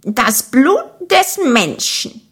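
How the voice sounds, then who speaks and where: A woman's voice: high-pitched, very animated, drawn-out words, fairly bright tone, breathy edge, pitched above the performer's own voice, exaggerated voice. A woman voicing a spiteful mosquito in a fable, thin and pointed, drawing her words out. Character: spiteful mosquito that dislikes humans.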